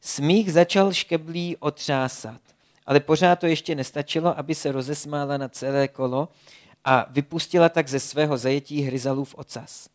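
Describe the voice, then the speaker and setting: Lively children's storyteller. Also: medium pitch. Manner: lively, expressive.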